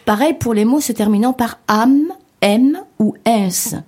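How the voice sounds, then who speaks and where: A woman co-hosting a French-language lesson, explaining pronunciation step by step and spelling letters out slowly. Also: on the high side, darkish tone, breathy edge. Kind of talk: scripted lesson dialogue.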